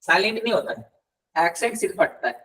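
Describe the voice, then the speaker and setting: A man's voice: high-pitched, big pitch swings, sharp tone. Patient male tutor, a bit off-mic. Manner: patient, repeats words slowly and quizzes students. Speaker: Spanish tutor. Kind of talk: live class teaching with explanations. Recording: voice somewhat distant from the mic.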